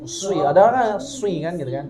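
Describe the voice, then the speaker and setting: A woman with a fairly low voice leads a recitation lesson. She corrects each attempt and models the sounds again and again, patiently drilling the class. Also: very animated, moderate pace, a loud crowd. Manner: corrective, demonstrates sounds repeatedly. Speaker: Quran recitation teacher. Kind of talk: hands-on recitation coaching.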